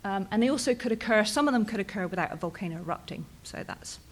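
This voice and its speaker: This fast-talking woman has an expressive, mid-range voice. She's in her thirties, from Bristol in England, and her British-accented conference presentation of her research comes across as casual and conversational, dotted with ums and "right?"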